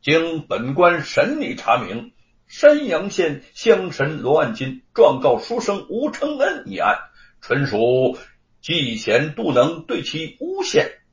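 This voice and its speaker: A man voicing a stern, shrewd prefect judge in an audiobook story, with a measured official cadence and booming pronouncements. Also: wildly swooping pitch, full character voice. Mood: stern, mocking. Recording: roomy, slightly dull recording.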